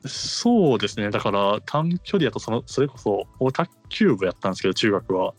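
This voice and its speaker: Lively Kansai-accented man chatting. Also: fairly low pitch, fairly quick, no room sound, faint music behind. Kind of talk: casual chat.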